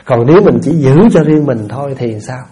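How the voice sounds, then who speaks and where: A man's voice: medium pitch, fairly quick, crowd noise. A man, a Buddhist monk giving a conversational dharma talk in a folksy manner, often asking listeners rhetorical questions. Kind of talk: conversational sermon.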